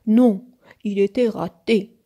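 A woman's voice: on the high side, animated, takes it slowly, mellow. A woman voicing a fussy, grumpy little boy who grumbles and insists in a storybook. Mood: insistent.

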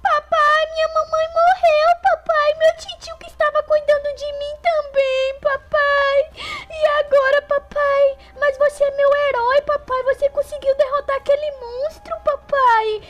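A tiny, frightened baby dinosaur whimpers in a piercingly high, squeaky voice. Every line sounds whiny and close to tears as it clings to its father. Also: level tone, measured pace, a bit bright, faint music behind. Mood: tearful clingy.

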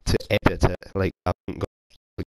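Poor audio from a console headset mic carries the low-pitched, level, fast-talking voice of a young Scottish man with a cold. There is no echo, but soft music plays behind him as he casually rambles and jokes at his own expense while playing a video game for his YouTube audience.

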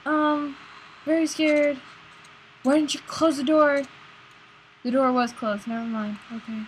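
A young woman co-hosting a casual gaming let's play, excitable and prone to jumpy yelps. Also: fairly high pitch, normal speed, slight background noise, low-quality recording.

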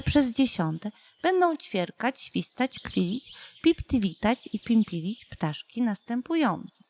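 A woman narrating a rhyming children's audiobook in a slow, playful way, with birdsong behind her. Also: mid-range voice. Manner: slow, playful, lively intonation. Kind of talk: audiobook poem reading for children.

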